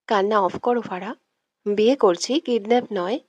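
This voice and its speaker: A woman's voice: medium pitch, normal speed, no room sound, muffled recording, natural voice. A woman voicing a domineering, hot-tempered young man who bosses and threatens in curt lines, in a read-aloud audio story. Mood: sulky.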